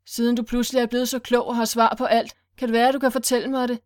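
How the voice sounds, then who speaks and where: A furious man back from the dead, roaring orders and spitting bitterness, as a woman narrator acts him out. His voice rises high and loud when he shouts. The recording is close and dry. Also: level tone, no echo, natural voice. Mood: bitter. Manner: barking, roaring commands.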